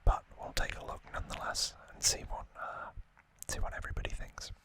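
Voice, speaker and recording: An unboxing for ASMR is narrated by a man whose soft, airy whisper drifts along at a leisurely, contemplative pace.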